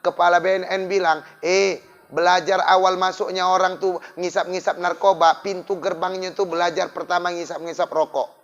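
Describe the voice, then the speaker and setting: Male preacher, lively storyteller who speaks straight to the crowd, slightly high voice, lo-fi sound. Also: moderate pace. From Indonesia. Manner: lively, swings from loud to hushed, addresses the crowd. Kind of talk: sermon with storytelling. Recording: dull lo-fi sound.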